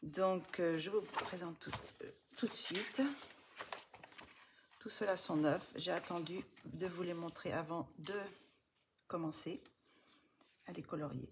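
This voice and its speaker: Soft-spoken woman gushing over books. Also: lowish voice, steady tone, a little slow, pauses often, noisy background. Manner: soft-spoken, often drops to a near whisper, many fillers; gushing with delight over pages. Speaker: coloring book vlogger. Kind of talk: casual show-and-tell chat.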